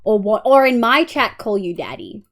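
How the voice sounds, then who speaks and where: Her voice sits in the mid range with a fairly bright tone, very animated at a moderate pace. The young Australian woman is live, casually talking to viewers about settings, humming to herself, her voice nasal and congested.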